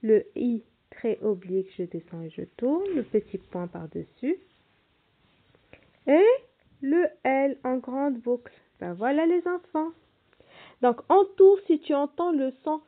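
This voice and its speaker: A woman teacher slowly and patiently walking young children through a reading and writing lesson, spelling out letters and sounds. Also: high voice, animated. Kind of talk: primary school reading lesson. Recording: tinny phone-like audio.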